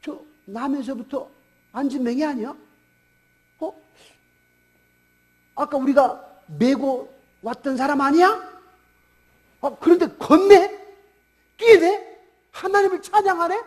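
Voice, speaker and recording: A man's voice: very high-pitched, slow, pauses often, darkish tone, pitched above the performer's own voice. A male pastor voicing an astonished crowd of onlookers in a sermon, exclaiming in disbelief. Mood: amazed.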